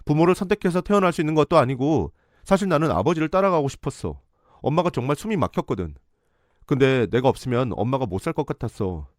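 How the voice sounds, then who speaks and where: A man's voice: on the high side, expressive, fast, dry recording, studio quality, pitched above the performer's own voice, close to an everyday voice. A man voicing a young boyfriend who pleads and begs. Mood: pleading. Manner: pleading, begging.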